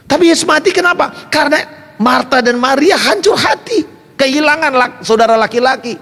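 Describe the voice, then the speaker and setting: A man preaching a sermon as pastor, animated, slipping in English phrases and acting out quotes. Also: extremely high pitch, a little fast, long reverb tail.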